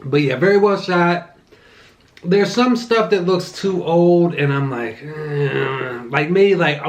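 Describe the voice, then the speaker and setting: A young man hosting his own channel, chatting casually between bites as he reviews a movie, rambling and restarting his sentences. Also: sits high. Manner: rambling, relaxed, with frequent restarts and "like" fillers. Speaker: channel host reviewing movies while eating. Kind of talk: casual mukbang chat.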